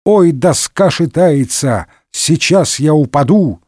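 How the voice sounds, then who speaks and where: A man's voice: a little high, lively intonation, slow, darkish tone, no room sound, studio quality. A man doing a clumsy hard-drinking musketeer. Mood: drawling.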